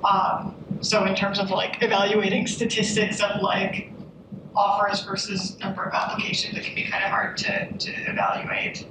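A woman's voice: mid-range voice, normal speed. A woman speaks on a panel, handing out casual career advice with many fillers. She sounds distant from the mic in a very echoey room, with a noisy background. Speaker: postdoc panelist.

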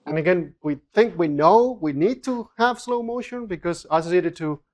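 Lecturer, mid-pitched, explains calculations aloud, halting and self-correcting. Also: expressive, darkish tone, a little hiss or hum. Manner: explanatory, with frequent restarts and fillers. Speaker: physics lecturer. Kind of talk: university lecture. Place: lecture room.

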